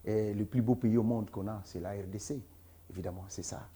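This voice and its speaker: A man's voice: fairly low pitch, fairly even intonation, fairly quick, mellow, husky. A man from the Democratic Republic of the Congo, answering interview questions as a guest, earnest and emphatic. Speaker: interview guest, entrepreneur and author.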